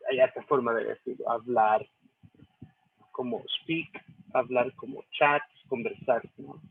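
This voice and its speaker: A man's voice: mid-range voice, measured pace, gravelly, husky, no room sound. A male English teacher with a Chilean accent explains a reading step by step, often checking with "¿sí?" and "¿cierto?". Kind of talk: recorded lesson walking through a reading. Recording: tinny phone-like lo-fi audio.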